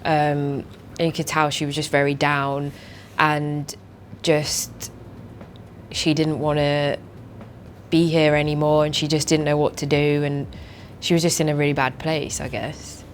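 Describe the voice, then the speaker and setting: A woman's voice: low voice, level tone, a little slow, a little hiss or hum. A female police officer in a documentary interview, recounting a call casually and hedging her words often.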